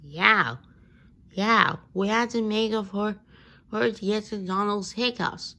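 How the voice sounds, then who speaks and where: A woman voicing cartoon characters in a playful fan dub, with a halting, eager childlike delivery. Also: medium pitch, sharp tone.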